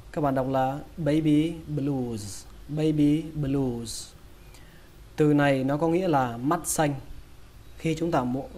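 A man with a Vietnamese accent runs a slow pronunciation lesson, splitting English words into their sounds and saying each one again and again. His voice sits a little high, with a mellow, soft tone. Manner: repeats each word slowly, breaking it into sounds.

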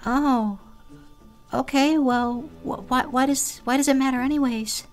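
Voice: high voice, fairly even intonation, a little slow, faint music behind, voice pushed up. A creator using a voice changer to play a shy, hesitant fifteen-year-old decoy who stammers and trails off. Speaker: host posing as a teen.

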